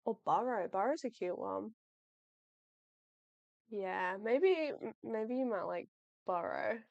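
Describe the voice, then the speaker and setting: A young woman losing her voice talks casually on a livestream while packing orders in her home workspace. Her medium-pitched voice is creaky and slow yet lively in intonation, recorded dry with the highs cut off. She's chatty and friendly, thinking aloud and apologizing repeatedly.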